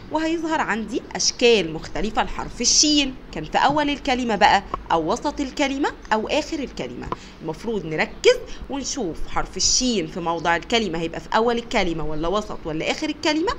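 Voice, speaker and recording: A young woman teacher with an Egyptian Arabic accent, teaching letters to small children, encouraging and stretching each sound out slowly. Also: medium pitch, a little hiss or hum. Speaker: kindergarten teacher.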